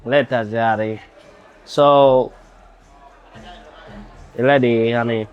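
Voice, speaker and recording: A young man answering interview questions in a halting way, restarting phrases. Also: medium pitch, steady tone, clear, resonant tone, phone-quality sound. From Australia. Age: young adult. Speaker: conference attendee.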